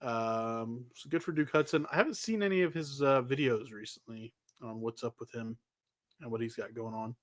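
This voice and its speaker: A man with a medium-pitched voice, recorded close and dry. He chats casually about wrestling news as a podcast co-host, wry and offhand. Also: moderate pace, dry recording.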